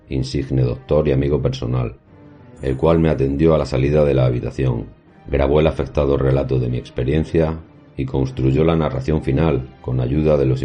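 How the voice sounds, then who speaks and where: In a horror audio drama with music behind it, a man plays an erudite professor recounting paranormal experiences. His delivery is formal, measured and literary, in an extremely low, dark and slightly rough voice.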